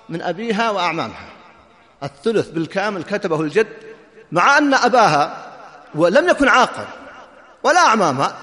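A man giving an earnest religious lesson, quoting traditions and telling moving stories, sometimes dropping his voice low and soft. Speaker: preacher. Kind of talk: sermon. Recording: long hall reverb.

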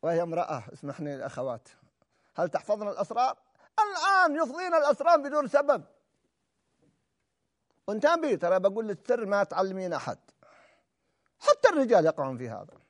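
A man preaching a sermon, emphatic, swinging between loud exclamations and hushed asides. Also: high voice, very animated, fast talker, pauses often.

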